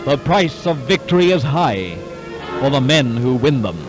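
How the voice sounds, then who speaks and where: Over orchestral music on a 1940s newsreel soundtrack, a man declaims scripted wartime narration in a clipped, dramatic manner. His voice is medium-pitched and sing-song, at a moderate pace.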